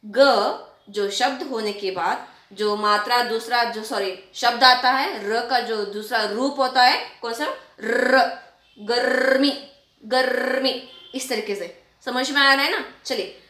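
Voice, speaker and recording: A woman teacher explaining a writing lesson to children, repeating and stretching out example words slowly. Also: a little high, bright, forceful tone, echoey room. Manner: repetitive, drawn-out word demonstrations, addresses children often.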